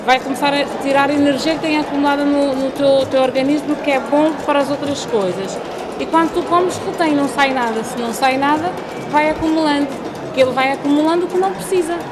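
A woman's voice: high voice, quick pace, over loud music, over a noisy crowd. A woman doctor from São Tomé and Príncipe explaining diet and health in a direct, instructive way, in an indoor sports hall. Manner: direct, explanatory, addresses the listener. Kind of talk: giving health advice.

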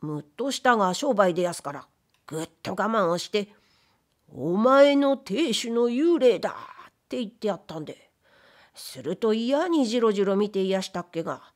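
A woman reading aloud, voicing a humble, timid male ghost who was once a wastepaper dealer, speaking in polite, plaintive old Edo commoner speech. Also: on the high side. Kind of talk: audiobook reading of period fiction.

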